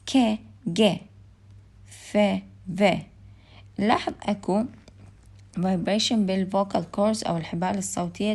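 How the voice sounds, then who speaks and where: A woman's voice: mid-range voice, creaky, a little mellow. A woman with an Iraqi Arabic accent lecturing on English pronunciation, switching between Arabic and English with frequent hesitations. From Iraq. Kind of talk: recorded online lecture.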